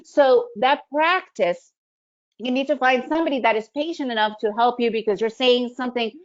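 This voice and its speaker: Teaching day trading in a webinar, this middle-aged woman, a Russian native speaker from the Soviet Union who grew up in the US, keeps things conversational and frequently checks in with "right?". She speaks at normal speed in a slightly high voice, and the video call audio sounds muffled.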